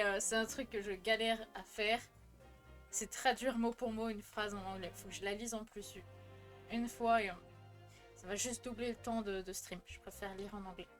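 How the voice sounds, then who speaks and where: A woman's voice: a little high, a bit bright. A woman game streamer chatting casually and effusively, giggling and poking fun at herself. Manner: giggly, effusive, self-deprecating. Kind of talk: casual live-stream chat.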